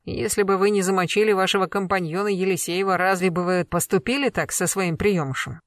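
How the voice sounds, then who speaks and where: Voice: medium pitch, steady tone, a little fast, dry recording, clean studio sound, lightly acted. A reader voicing a stern former colonel who interrogates a suspect relentlessly in an audiobook. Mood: accusing. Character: stern commanding male investigator, a former colonel. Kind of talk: audiobook character reading.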